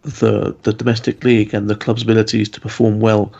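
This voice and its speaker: A male podcast co-host making a measured argument in a casual discussion. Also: fairly low pitch, completely flat delivery, vocal fry, dark tone. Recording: dull lo-fi sound.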